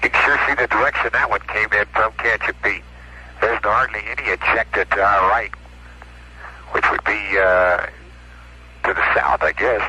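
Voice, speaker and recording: A man reporting from orbit over a live radio link, talking haltingly with pauses while his voice breaks up and drops out. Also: fairly low pitch, pushed and bright, slightly rough. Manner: halting, thinking aloud with many pauses and fillers. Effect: voice breaking up and dropping out over the radio link. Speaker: astronaut describing the lunar surface from orbit. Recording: noisy, crackling radio transmission.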